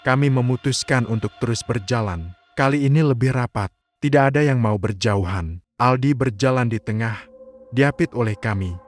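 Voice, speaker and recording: A man, narrating a scripted horror story in a slow, hushed, suspenseful way. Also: mid-range voice. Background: faint music.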